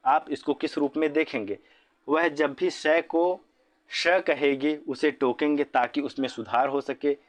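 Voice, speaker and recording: A man teaching an exam-prep lesson on language teaching, explaining each answer option and often checking in with "ठीक है". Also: on the high side. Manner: explanatory, repeats points with "ठीक है".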